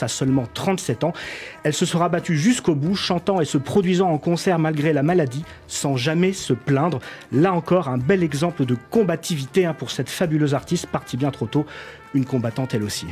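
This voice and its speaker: A man's voice: on the high side, a little fast, darkish tone. Columnist man with studio music bed. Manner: frequent filler "hein", storytelling delivery. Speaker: radio columnist. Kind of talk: scripted radio segment.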